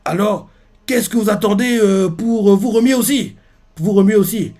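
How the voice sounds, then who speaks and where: A man voicing a bitter, boastful adult male clown pirate with a high, indignant, shouted delivery. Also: normal speed, soft background music.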